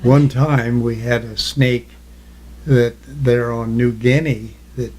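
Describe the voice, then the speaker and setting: Slow, mellow old veteran remembering. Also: male voice, medium pitch, steady tone. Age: elderly, 80s or older. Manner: old veteran remembering, halting recall in short plain answers. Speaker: war veteran being interviewed. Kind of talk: reminiscing in an oral history interview.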